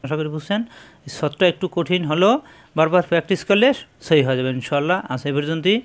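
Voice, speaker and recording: Man slowly drilling Arabic letter sounds. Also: a little high. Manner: repeats syllables slowly and deliberately for learners to copy. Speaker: Quran pronunciation teacher. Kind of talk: slow didactic lesson, drilling syllables.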